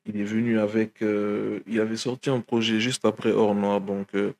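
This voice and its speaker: A man's voice: fairly low pitch, flat delivery, moderate pace, vocal fry, darkish tone. A young man from Guinea, a rapper, talking casually in an interview with many fillers and restarts. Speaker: rapper guest.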